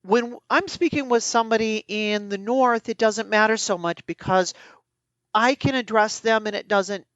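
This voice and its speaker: A woman's voice: on the high side, moderate pace, a bit bright, no echo, highs cut off. A woman co-hosting a podcast who talks in an earnest, reflective way, stretching her vowels with a sing-song lilt. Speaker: podcast co-host. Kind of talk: casual conversation.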